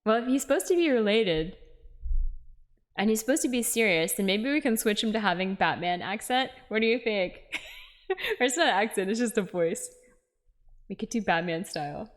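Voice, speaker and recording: A woman's voice: medium pitch, lively intonation, moderate pace, long pauses. A woman streamer chatting casually with viewers while playing a game, giggling often.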